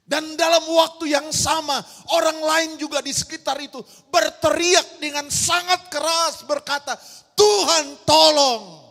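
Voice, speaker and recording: A woman's voice: high-pitched, fairly even intonation, measured pace, hardly any pauses, a bit bright. A woman pastor preaching an emphatic sermon, firing rhetorical questions at her congregation in a large church hall. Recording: long church-hall reverb.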